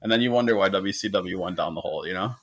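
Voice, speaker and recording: A man's voice: deep voice, fast. A man co-hosting a casual podcast, telling a rambling, amused story. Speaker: podcast co-host.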